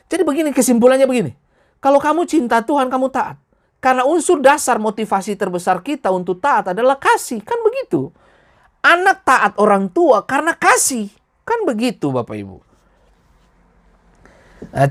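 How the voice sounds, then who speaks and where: A middle-aged man preaching a sermon in a lively, colloquial way, addressing the congregation directly. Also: very high voice. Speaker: pastor.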